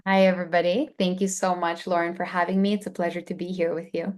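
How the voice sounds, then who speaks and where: A woman's voice: fairly low pitch, flat delivery, fast. A woman in her thirties, born in Albania and raised in Canada, chatting as an interview guest in a friendly way. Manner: friendly, chatty, some restarts. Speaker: guest, company founder. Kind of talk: casual interview chat.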